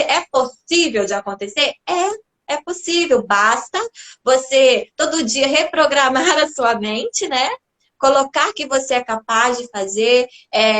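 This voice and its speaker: A woman's voice: high voice, a bit bright. A woman in a casual parenting chat who speaks emphatically and asks herself questions, then answers them. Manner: emphatic, answering her own rhetorical questions.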